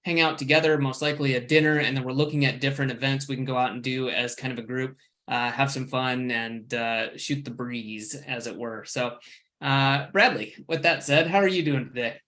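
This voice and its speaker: A man co-hosting a live online question-and-answer show, chatty and relaxed with many fillers. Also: medium pitch, brisk. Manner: relaxed, filler-heavy announcer. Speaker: co-host. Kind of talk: casual webinar chat.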